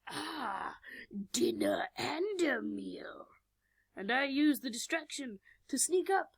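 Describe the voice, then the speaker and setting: A woman casually narrating her animated tabletop game story, rambling and self-mocking, on a cheap home mic. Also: on the high side, dry recording. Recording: background music under the voice.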